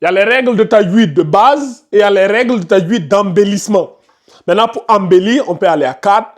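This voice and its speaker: A man teaching Quran recitation to a class in a classroom, explaining patiently, repeating himself and firmly hushing chatty students. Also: sits high, fairly quick. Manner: firm, scolds chatty students and asks the class questions; explains patiently with many repetitions. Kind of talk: classroom tajwid lesson.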